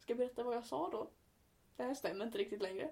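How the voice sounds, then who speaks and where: A young woman chatting casually with her brother, laughing through her stories, swearing offhand and acting out shrill cries when she retells them. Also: creaky, a little mellow. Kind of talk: casual chat.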